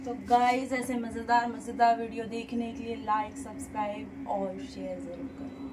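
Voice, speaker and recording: A woman's voice: on the high side, flat delivery, normal speed, far from the mic, background noise. A woman chatting through her daily routine at home and coaxing her pet parrots in a sing-song voice. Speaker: vlogger. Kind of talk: casual home vlog. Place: home kitchen.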